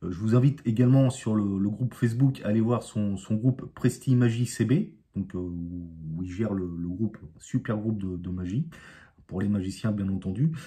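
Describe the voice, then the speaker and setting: A man's voice: lowish voice, moderate pace, dark tone. A man from France, an amateur magician, telling a playful story to camera with sound effects and asides. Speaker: amateur magician, channel host.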